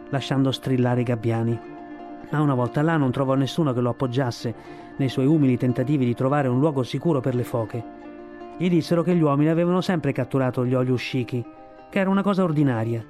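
A man reading a storybook aloud, steady storytelling narration. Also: medium pitch. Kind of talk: audiobook narration.

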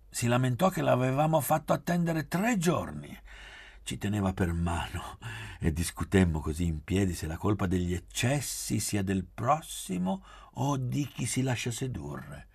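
A man reading a novel aloud in a measured, quiet, literary way. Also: low voice, husky. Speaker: narrator.

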